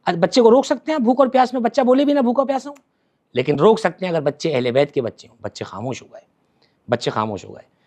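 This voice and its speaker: Dramatic, higher-voiced male religious scholar. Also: animated. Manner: dramatic, swings between forceful and hushed; repeats words for emphasis. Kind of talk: emotive storytelling in a podcast interview.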